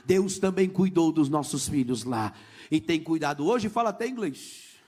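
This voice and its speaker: A middle-aged Brazilian man with a Brazilian Portuguese accent, a missionary pastor preaching and telling his testimony in a lively way, acting out the people in his story. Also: a little high, normal speed. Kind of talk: sermon testimony.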